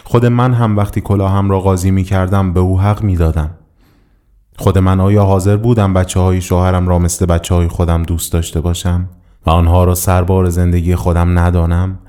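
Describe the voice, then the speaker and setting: Deep-voiced man reading a somber story. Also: fairly even intonation, warm tone. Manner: measured, somber storytelling in the first person. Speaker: audiobook reader. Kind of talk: scripted literary narration.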